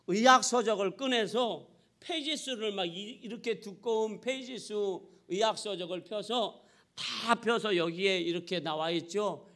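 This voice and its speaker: A middle-aged male pastor preaching with a high, bright, ringing voice. His pitch leaps and plunges as he goes from loud cries to quiet asides. He acts out voices and keeps calling out to his congregation. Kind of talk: sermon.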